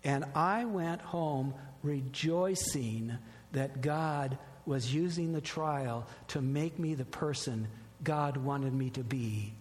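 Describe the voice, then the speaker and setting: A man's voice: medium pitch, slow. Man preaching a sermon in a reverberant hall. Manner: earnest, warm preaching with personal stories. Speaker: pastor. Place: church sanctuary.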